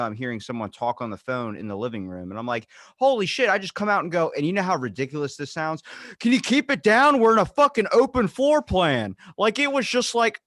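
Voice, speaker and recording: On his casual podcast, this man swears freely and tells loose stories using quoted dialogue. His voice sits mid-range and sounds a bit bright, with clean studio audio and no room sound.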